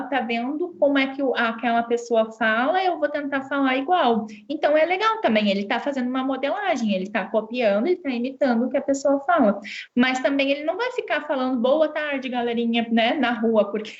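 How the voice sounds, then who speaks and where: A woman with a high voice. She explains things step by step to parents and tags her points with quick checks. The sound is muffled, like video-call audio. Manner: explanatory, tag questions after each point. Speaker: speech therapist. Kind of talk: expert answering parents' questions.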